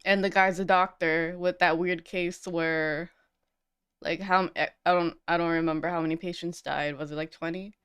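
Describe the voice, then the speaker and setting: A woman's voice: on the low side, fairly even intonation, normal speed, a bit bright, smooth. A woman streaming a game, chatting and thinking aloud with frequent restarts, her voice groggy from a nap. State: groggy morning voice after a nap. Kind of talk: let's-play commentary, reading game dialogue aloud.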